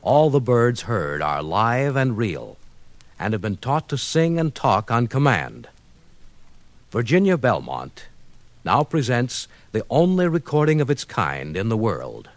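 A man's voice: mid-range voice, sing-song, measured pace, dry recording. A man making a ceremonious, formal introduction as the announcer of an old vinyl album recording. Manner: stately, ceremonious delivery.

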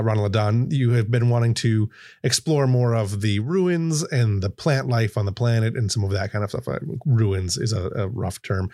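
A man's voice: mid-range voice, darkish tone, dry recording, clean studio sound. A man narrating a tabletop game as game master, hesitant, with many fillers and restarts. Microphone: streaming mic.

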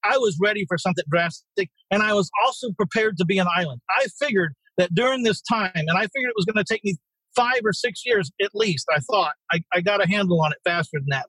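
A man's voice: high-pitched, a bit bright, slightly rough, no room sound, rough recording. A middle-aged man, a guest on a real estate podcast, telling stories bluntly with some salty language. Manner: blunt and salty, with mild swearing. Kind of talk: casual interview storytelling.

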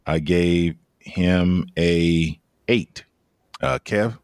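A man's voice: deep voice, drawn-out words, no echo, clean studio sound. A man hosting a casual podcast discussion, calling on each panelist in turn and laughing easily. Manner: laughs easily, steady moderating. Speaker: podcast host.

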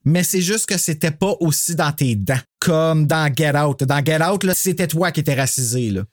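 A man's voice: fairly high pitch, normal speed, no echo, clean studio sound. A man with a Quebec French accent in a casual film chat, blunt and joking and swearing freely.

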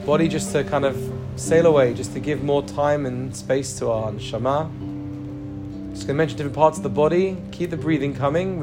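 A man leading a guided meditation with calm, soothing instructions. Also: fairly high pitch. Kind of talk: guided meditation and body scan.

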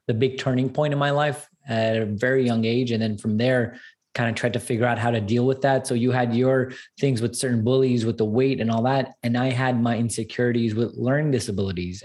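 An earnest man from Canada, guest on an interview show, telling his story at a medium pitch. He sounds upbeat and often circles back to repeat a point for emphasis. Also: a little mellow. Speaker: guest entrepreneur and speaker.

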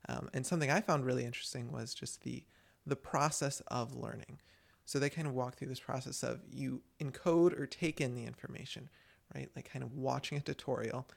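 A creaky, medium-pitched voice comes from a US man who co-hosts a podcast for developers. The talk is a casual chat, and he rambles, frequently starting over.

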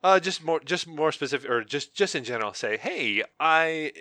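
A young man co-hosting a podcast, talking quickly in a bright, lively voice. He rambles and jokes, and keeps correcting himself mid-sentence. The sound is close and dry. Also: fairly high pitch, no room sound. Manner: rambling, self-correcting, jokey. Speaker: podcast co-host. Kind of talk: casual chat.

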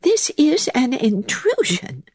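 A woman's voice: sits high, wildly swooping pitch, slow pace, a little mellow, breathy edge, no room sound, studio quality, pitched above the performer's own voice, full character voice. A woman putting on a prim little house mouse. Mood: indignant. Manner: prim and scolding. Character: fussy, tidy little female wood mouse. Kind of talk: storybook reading.

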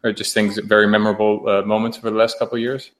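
A man hosting a podcast, introducing his guest and asking questions in a halting way, often repeating words. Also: fairly low pitch, level tone. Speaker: podcast host. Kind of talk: podcast interview.

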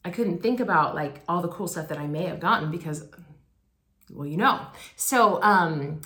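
A woman's voice: fairly low pitch, lively intonation, moderate pace, pushed and bright. A woman in her forties gives a sermon by telling a personal story, speaking candidly and chattily with lots of "like" and "um". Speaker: pastor. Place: church sanctuary. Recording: roomy echoing hall.

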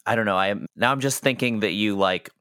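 A man's voice: fairly low pitch, fast talker, bright, forceful tone, clean tone, dry recording, clean studio sound. A man narrating a tabletop game as game master, casual and laughing often.

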